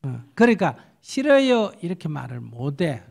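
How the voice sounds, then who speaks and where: A man, a Buddhist monk answering questions in an animated, storytelling way. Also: fairly high pitch, moderate pace, vocal fry. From South Korean countryside. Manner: animated storytelling, acts out quotes, rhetorical questions. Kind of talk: lively spoken dharma Q&A.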